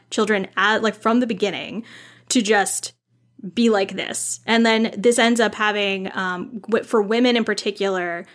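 A young woman co-hosting a casual podcast, talking through a book she loved in an animated way, full of "like" and acted-out quotes. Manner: animated, lots of "like", acts out quotes with high lively pitch. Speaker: podcast co-host. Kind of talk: casual book-recommendation chat.

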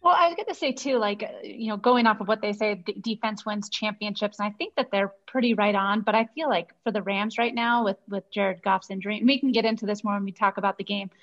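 A woman's voice: medium pitch, fast talker, hardly any pauses, fairly bright tone. An American woman co-hosting a podcast, chatting casually with a friendly, giggly manner. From United States. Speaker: podcast co-host. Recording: dull lo-fi sound.

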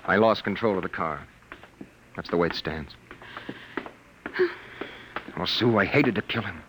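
An actor playing a tense, determined husband on the run in a 1950s radio drama. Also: male voice, sits low, unhurried. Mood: relieved, weary. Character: tense, determined husband, a fugitive time traveler. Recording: noisy vintage radio recording.

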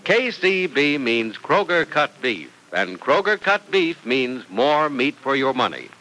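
A man's voice: medium pitch, very animated, measured pace, sharp tone, a little hiss or hum. A man speaking as an old radio announcer, reading scripted narration and ads with emphatic, dramatic salesmanship. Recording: old radio broadcast recording.

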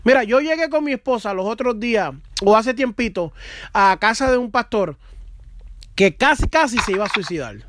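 A man's voice: extremely high pitch, lively intonation, normal speed, a bit bright. A man who works as a minister, telling a personal story in an earnest, conversational way during a faith talk. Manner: conversational, earnest, with fillers like "mano".

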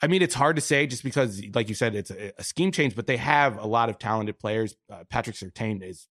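A man's voice: medium pitch, animated, a little fast, a bit bright, no echo, studio quality. A man giving casual, matter-of-fact sports analysis as a podcast guest.

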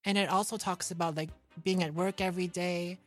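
With soft music playing behind her, a New York woman talks briskly in a fairly low voice with fairly even intonation. She is an interview guest in a casual chat, modest and artless, keeping her language plain.

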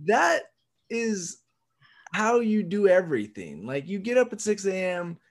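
A high-pitched, very animated man speaks at a measured pace as a podcast guest; he's an entrepreneur and coffee roaster. In the casual interview chat he's emphatic, curses freely and laughs often.

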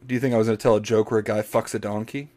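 A man's voice: on the low side, fairly even intonation, racing, darkish tone. A man co-hosting a podcast in casual chat, telling crude, profane jokes. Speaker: podcast co-host.

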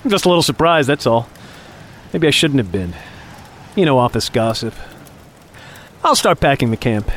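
A man's voice: mid-range voice, big pitch swings, moderate pace, long pauses, a bit bright, a little hiss or hum. A man playing a younger office underling on a hunt, talking on with mock cheer, taunts and menace in a dramatic audio story. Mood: falsely chummy. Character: younger male office underling, falsely chummy, needling, menacing hunting companion. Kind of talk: dramatic audio fiction acting.

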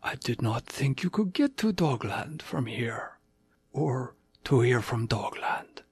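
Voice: medium pitch, sing-song, slow, breathy edge, full character voice. A storyteller voicing a patient, formal male tiger who is king of the cats, speaking politely without contractions.

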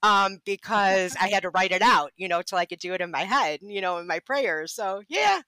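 Woman guest, bright sharp voice, candid and cursing, laughs a lot. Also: mid-range voice, animated, moderate pace, dry recording, rough recording. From Ohio. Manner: candid and profane, laughs often. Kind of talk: candid storytelling.

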